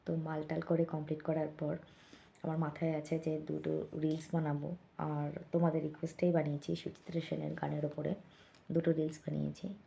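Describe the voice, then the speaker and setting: A middle-aged woman speaking very quietly late at night, thanking viewers for their comments. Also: deep voice, monotone, fairly quick, creaky. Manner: speaks very softly so as not to wake someone. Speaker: vlogger. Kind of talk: late-night hushed vlog chat reading comments.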